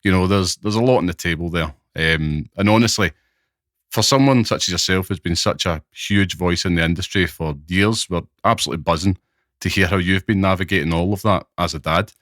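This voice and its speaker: A man's voice: deep voice, brisk, a bit bright, no room sound, clean studio sound. A man with a thick Glaswegian accent, hosting and interviewing on a podcast. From Glasgow, Scotland. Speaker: podcast host.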